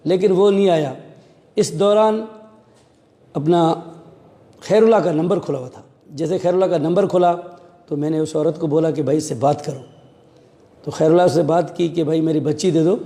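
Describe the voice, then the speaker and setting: High-voiced man with a dark, mellow tone. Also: big-room sound. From Pakistan. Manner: animated storyteller acting out quoted dialogue. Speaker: police officer. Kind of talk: recounting events in an interview.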